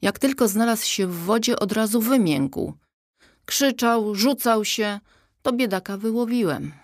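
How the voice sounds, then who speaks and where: A cocky, laid-back male river toad, put on by a woman reading a children's audiobook. He talks in easy slang, pitched well above her own voice. The recording is close and dry. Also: unhurried, no echo. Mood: breezy. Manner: slangy, easygoing.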